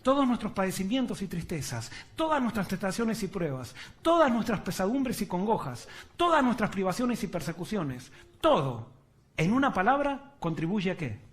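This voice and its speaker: High-voiced man preaching a sermon. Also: big pitch swings, moderate pace. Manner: rhetorical questions answered by himself; storytelling with acted quotes. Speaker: pastor.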